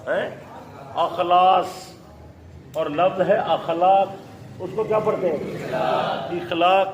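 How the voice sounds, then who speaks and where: Man dictating a slow religious lesson. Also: sits high, highs cut off, crowd noise. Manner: slow emphatic dictation, scolding asides. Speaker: religious teacher. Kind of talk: classroom lecture with dictation. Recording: echoey hall with faint ambient noise.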